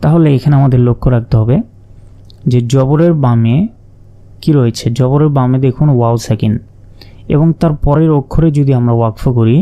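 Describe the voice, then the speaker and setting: A man teaching Quran reading step by step, spelling out letters and drawing out the demonstration words in long, slow sounds. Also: mid-range voice, dull audio.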